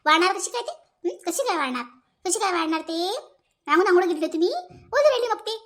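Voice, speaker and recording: A woman voicing a sulky young wife who dodges chores in a cartoon, with a Vidarbha Marathi accent, talking back quickly and indignantly. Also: expressive, a bit bright. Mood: scolding. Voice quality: shrill and high. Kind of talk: cartoon voice acting.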